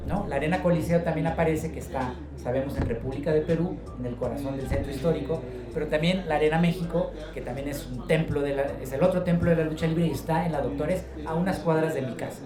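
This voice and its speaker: Mexican guy, low voice, laid-back storyteller, echoey room with music behind. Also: distant mic. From Guadalajara, Mexico. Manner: relaxed, storytelling, joking asides. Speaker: author being interviewed. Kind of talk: conversational book presentation.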